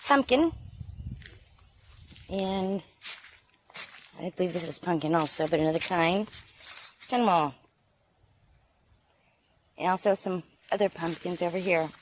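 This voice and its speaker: A woman's voice: fairly low pitch, slow pace, pauses often, a little hiss or hum. Chatty woman working in her garden. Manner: chatty, thinking aloud while working. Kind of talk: casual garden vlog narration. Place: outdoors in a rural garden.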